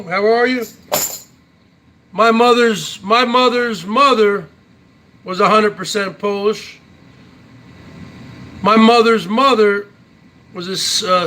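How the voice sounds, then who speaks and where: This YouTube host, a man in his forties, talks casually to his viewers in a solo chat, bragging brashly and tacking "huh?" onto his lines. His high voice sounds pushed and bright, and the rough recording carries a little hiss or hum.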